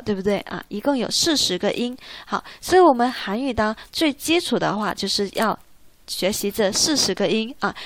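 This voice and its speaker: Brief: higher-voiced woman teaching in a dry room. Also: no room sound. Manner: patient, asks the listener rhetorical check questions. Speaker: Korean language teacher. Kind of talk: classroom-style explanation.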